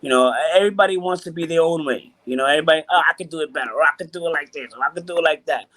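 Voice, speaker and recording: Speaking rapid-fire in a slightly high, somewhat bright voice, this man is a hotel chief engineer from Puerto Rico. He's a guest chatting casually in an interview by video call. Phrases get repeated and sentences are frequently restarted.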